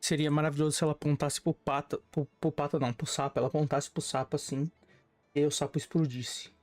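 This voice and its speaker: A man's voice: fairly high pitch, little pitch movement, rapid-fire, a little mellow. A man with a Brazilian accent giving casual, joking, slangy commentary as he streams a game. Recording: game music behind.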